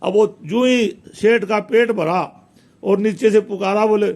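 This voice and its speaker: A man's voice: high-pitched, steady tone, measured pace, darkish tone. A man telling a village folk tale casually, rambling and repeating phrases. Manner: rambling, repeats phrases, voices characters in dialect. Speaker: village storyteller.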